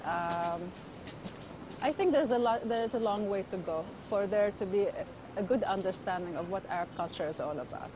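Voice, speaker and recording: A woman's voice: mid-range voice, normal speed, noisy background. A woman answering a street interviewer in a composed, considered way. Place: outdoors on a city street.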